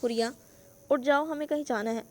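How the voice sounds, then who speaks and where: A polite young husband from an audio novel, voiced by a woman, calm and respectful. The voice sits high and stays level. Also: natural voice.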